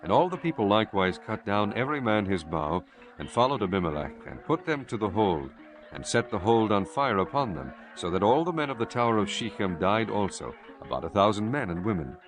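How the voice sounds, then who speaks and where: Guy reading bible audiobook, lowish voice, solemn and measured, music clearly playing behind. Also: very animated. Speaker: narrator. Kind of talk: scripted dramatized Bible audiobook narration. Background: prominent music.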